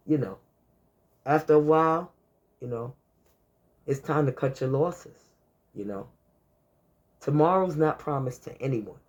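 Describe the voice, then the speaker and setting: Speaking to camera with a mid-range, darkish voice on lo-fi audio, a fifty-something vlogger shares easygoing life advice. They chat casually, circle back to the same points, stack up lengthy example lists, and keep saying "you know."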